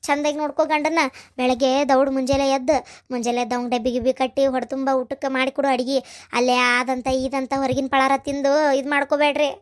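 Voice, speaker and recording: A woman's voice: high-pitched, little pitch movement, fast, lightly acted. A woman voicing a fussy older cartoon mother-in-law who nags with advice, with a North Karnataka Kannada accent. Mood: fussing. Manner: nagging, instructing. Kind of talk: cartoon voice acting.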